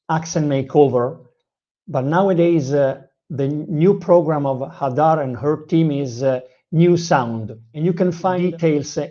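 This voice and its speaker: Speaking English as a non-native language, a man with a high, mellow voice earnestly recounts his learning journey in a personal video. The recording is muffled, and his narration halts often with fillers and restarts.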